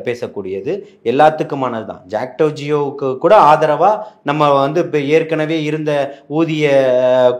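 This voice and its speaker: A man from answering questions as a party spokesman in a heated interview, combative and full of rhetorical questions that build into impassioned shouting. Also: medium pitch, roomy sound.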